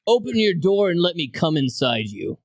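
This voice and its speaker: A man's voice: a little high, very animated, moderate pace. A man playing a grandiose adventurer who introduces himself with long theatrical titles, in a tabletop game. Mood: sly. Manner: pompous, theatrical self-introductions.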